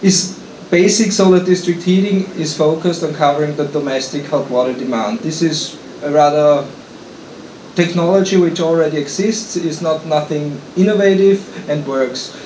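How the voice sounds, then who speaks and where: A man with an Austrian accent gives a technical conference presentation, his voice sitting a bit higher than most men's. He halts often and restarts phrases with fillers. The room is echoey, and faint air conditioning hums behind him. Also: a little mellow, slight background noise. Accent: Austrian German. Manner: halting, frequent restarts and fillers. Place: conference hall.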